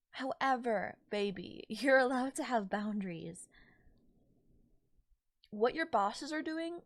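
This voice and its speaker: Playing a caring girlfriend who comforts her worn-out partner, a voice actress speaks in an earnest, reassuring, soothing way, tender and coaxing, occasionally dropping to breathy near-whispers. Her pitch is lightly high, and the close-mic sound is very dry.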